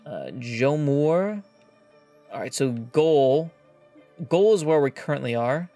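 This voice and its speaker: A man's voice: a little high, sing-song, slow, dark tone. A man hosting a let's play, musing aloud casually and reading game text as he plays. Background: faint game music.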